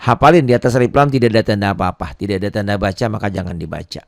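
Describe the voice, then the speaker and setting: A man teaching beginners Quran recitation rules, patiently repeating points, asking and answering his own questions, and chanting phrases slowly between plain explanations. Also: lowish voice, vocal fry, dry recording, studio quality. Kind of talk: beginner tajwid lesson.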